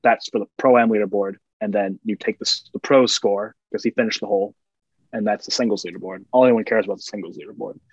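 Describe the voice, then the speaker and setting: A man's voice: on the low side, steady tone, quick pace, breathy edge, no echo, lo-fi sound. A man co-hosting a sports podcast, rambling through long explanations of golf rules in casual chat. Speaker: podcast co-host.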